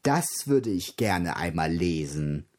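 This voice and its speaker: A man's voice: deep voice, very animated, takes it slowly, a little mellow, exaggerated voice. A man voicing a snooty, curious female giraffe who speaks in a prim drawl.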